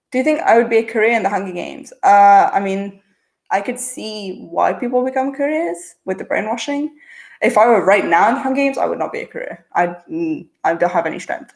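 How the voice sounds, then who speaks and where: This woman's voice sits in the mid range with a slightly mellow quality. Hosting her channel's livestream, she reads out questions from viewer chat and answers them in a casual, chatty way, quick to respond and full of "uh" and "um" fillers; her accent is a mixed international-school one.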